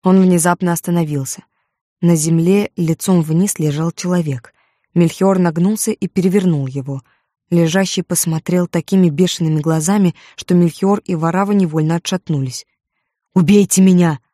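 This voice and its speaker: A woman reading a novel aloud as an audiobook narrator, in a measured, dramatic manner, in a studio. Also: fairly low pitch, fairly even intonation, warm tone, dry recording. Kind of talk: scripted literary narration. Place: recording studio.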